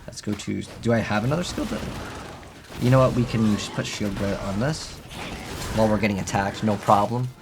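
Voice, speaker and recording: A man's voice: fairly low pitch, a little fast, noisy background. A man giving casual, rambling, conversational gameplay commentary as the host of a gaming video. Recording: game music behind the voice. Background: video game music.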